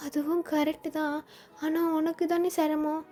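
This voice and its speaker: A woman voicing a shy, sensitive teenage boy in a fan fiction voice-over, speaking softly and hesitantly. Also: sits high, flat delivery, unhurried, soft background music, voice pushed up. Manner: soft, timid, hesitant.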